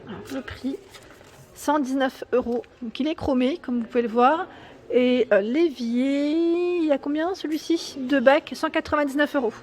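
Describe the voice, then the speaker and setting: A woman's voice: sits high, normal speed, darkish tone. A woman giving an enthusiastic, chatty walkthrough vlog in a furniture store showroom, often tagging "hein" and correcting herself. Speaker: YouTube vlogger.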